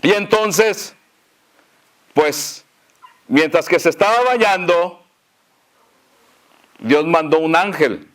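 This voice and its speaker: Slow folksy pastor telling a tale. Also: male voice, on the high side, animated, fairly bright tone. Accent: northern Mexican. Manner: folksy, chuckling, many fillers. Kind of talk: sermon storytelling.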